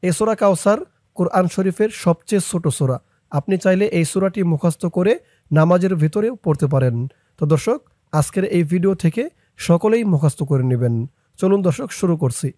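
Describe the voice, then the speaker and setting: A man teaching Quran recitation letter by letter, chanting the verses in long drawn-out tones and explaining pronunciation between them. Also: sits high, lively intonation, dark tone, no room sound. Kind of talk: slow tajweed lesson with spelled-out letters and recitation.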